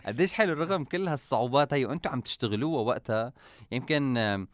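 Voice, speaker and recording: A man's voice: medium pitch, animated, rapid-fire, no room sound. A man with a Syrian Arabic accent hosting a casual podcast interview in conversational speech. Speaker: podcast host.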